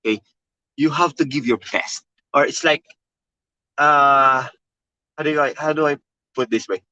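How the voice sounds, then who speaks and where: A content creation coach with a Filipino accent and a loud voice teaches a motivational webinar with emphatic, high energy, repeating key phrases and often checking in with "okay" and "all right." He keeps a measured pace, and the recording is dry with the highs cut off.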